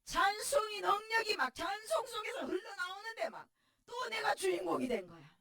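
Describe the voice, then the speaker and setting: A middle-aged woman pastor with a Gyeongsang accent gives a tearful testimony sermon, often breaking into shouts. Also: extremely high pitch, sing-song, normal speed. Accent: Gyeongsang dialect. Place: church sanctuary. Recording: voice distant from the mic.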